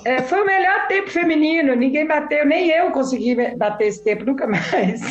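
A woman telling a story in casual chat, animated and acting out quoted dialogue. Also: sits high, moderate pace, soft background music. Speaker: podcast guest. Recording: echoey room, slightly dull sound.

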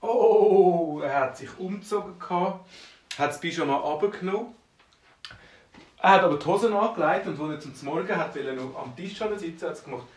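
A man with a Swiss German accent telling an improvised bedtime story in an animated manner, with some hesitation. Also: on the high side, brisk. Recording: roomy, distant from mic.

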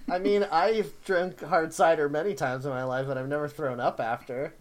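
A man's voice: a little high, steady tone, moderate pace, a crowd in the background. A man bantering casually with friends as a co-host, emphatic and given to mock indignation.

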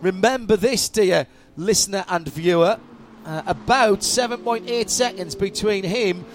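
A woman's voice: mid-range voice, a little slow. A woman giving live motorsport commentary as lead commentator, with a running call that swells with the action.

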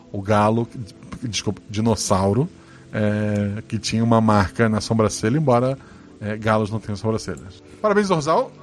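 A medium-pitched man with a Brazilian Portuguese accent hosts a podcast, reading listener comments with casual jokes and swearing.

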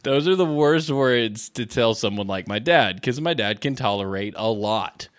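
A man's voice: mid-range voice, normal speed, clear, resonant tone, no echo, studio quality. A man in his thirties co-hosting a podcast, chatting casually and acting out quotes as he tells stories. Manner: animated storyteller, acts out quotes. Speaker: podcast co-host.

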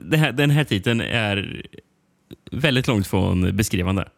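A man's voice: lowish voice, expressive, creaky, no room sound. A man co-hosting a casual film podcast, laughing often and reading aloud with some stumbles and restarts. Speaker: podcast co-host.

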